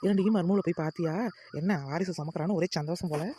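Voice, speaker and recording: A woman's voice: lowish voice, fast, dark tone, a little hiss or hum, voice pushed down, lightly acted. A woman voicing an older, nosy village neighbor woman who teases and drawls in a family skit. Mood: teasing. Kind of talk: family comedy skit acting.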